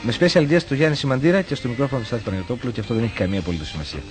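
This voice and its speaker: A man speaking as a guest on a music radio show, his voice sitting at a middle pitch. He jokes dryly and sounds easygoing. Soft music runs in the background. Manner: laid-back, dry humor. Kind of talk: casual on-air banter. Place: radio studio.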